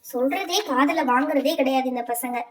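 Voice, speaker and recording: A woman's voice: sits high, normal speed, distant mic, lightly acted. A woman voicing a strict, nagging female schoolteacher who lectures her pupils in a doll play. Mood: scolding. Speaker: teacher.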